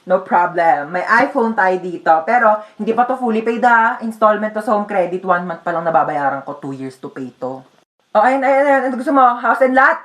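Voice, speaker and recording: A woman's voice: mid-range voice, expressive, normal speed, a bit bright, close to an everyday voice. A woman voicing a broke, joking Santa Claus handing out gifts in a comedy skit. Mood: jokey. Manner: jokey, rambling.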